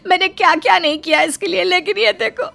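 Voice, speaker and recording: A woman voicing a scheming, loud young daughter-in-law who fakes tears in a cartoon story, shrill and whiny. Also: heavily acted.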